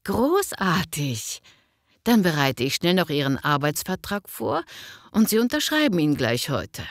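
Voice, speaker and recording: In a scripted language-learning dialogue, a woman plays a friendly, frank boss interviewing a job applicant, cordial yet businesslike. Her voice is fairly low and sing-song, with a measured pace. The recording is dry and has a clean studio sound.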